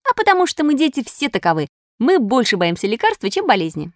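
Pinocchio, a woman doing a shrill whiny wooden boy. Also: huge pitch swings, fast talker, dry recording, clean studio sound. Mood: cheerful. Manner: whining, pleading, shrill. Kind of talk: storybook reading.

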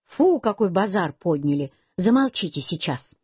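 A woman's voice: on the low side, sing-song, normal speed, breathy edge, dry recording, heavily acted. A woman reading a children's story, voicing a stern old grandmother who scolds the children curtly. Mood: scolding. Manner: curt, scolding. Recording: dull lo-fi recording.

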